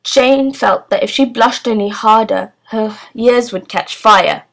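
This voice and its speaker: A woman reading a children's novel aloud in a steady, clear storytelling manner. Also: on the high side, measured pace. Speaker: storybook reader.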